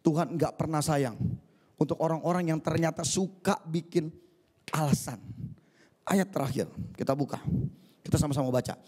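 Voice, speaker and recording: A male pastor preaching a sermon for an online church service, lively and acting out scenes, with English phrases mixed in. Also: a little high, normal speed, slightly rough. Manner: animated, acts out scenes, mixes in English phrases.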